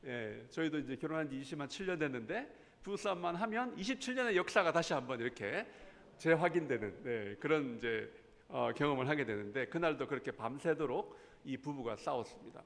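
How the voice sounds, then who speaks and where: Man, 50s, church lecturer, fairly high voice, storytelling with acted-out quotes, long hall echo. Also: fairly quick, creaky. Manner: animated, acts out quoted arguments with rising voice; asks the audience questions. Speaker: professor teaching a lay Bible school.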